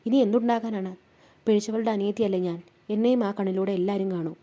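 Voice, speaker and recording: Woman doing a tearful schoolgirl, raised and strained, dark mellow tone; storybook role. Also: medium pitch, steady tone, quick pace, lightly acted. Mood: upset. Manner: tearful, complaining questions. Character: teenage schoolgirl, hurt and upset.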